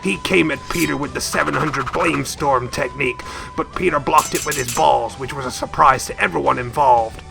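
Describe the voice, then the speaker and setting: A man narrating a silly, crude fight story in a deadpan, mock-epic storytelling style. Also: mid-range voice, moderate pace, gravelly, few pauses, music in the background. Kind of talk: comic scripted narration.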